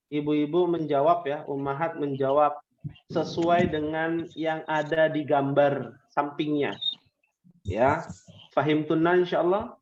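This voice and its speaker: A man teaching an online language class to women, patiently drilling questions with drawn-out prompts and repeating the answers back. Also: on the high side, muffled recording, a little hiss or hum. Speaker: Arabic teacher.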